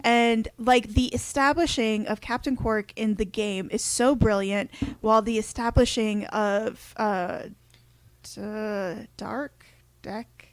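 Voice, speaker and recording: A woman with a fairly high voice co-hosts a podcast in casual chat. She talks with eager enthusiasm and a wry edge. The recording is dry and close. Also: steady tone, slow pace, dry recording. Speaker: podcast co-host.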